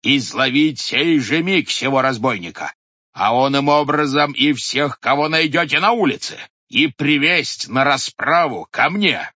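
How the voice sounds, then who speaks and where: A man voicing a pompous old village head who shouts orders and bluster. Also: medium pitch, expressive, unhurried, husky, dry recording, highs cut off, voice pushed up, full character voice. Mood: commanding. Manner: blustering, commanding.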